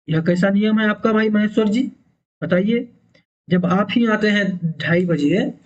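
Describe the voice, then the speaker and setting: A male teacher explaining a story line by line for exam students, repeating phrases and checking in with tag questions. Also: high-pitched. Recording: dull lo-fi sound.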